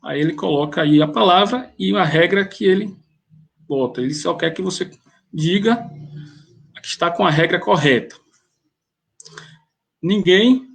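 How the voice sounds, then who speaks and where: A man, explaining grammar exam questions step by step and often pausing to restart a phrase. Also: high voice. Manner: methodical, pauses and restarts mid-phrase. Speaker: grammar teacher.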